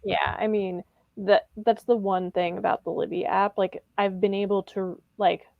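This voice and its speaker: A woman's voice: medium pitch, steady tone, normal speed, creaky, dry recording, phone-quality sound. A woman chatting casually with a friend on a video call, restarting her sentences often. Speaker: readathon co-host.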